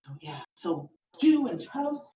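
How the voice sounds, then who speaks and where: A woman's voice: medium pitch, sing-song, a little slow. A woman on a video call making offhand remarks, her voice echoing around the room she is in. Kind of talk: casual chat. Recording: echoey room, far from mic, muffled and noisy.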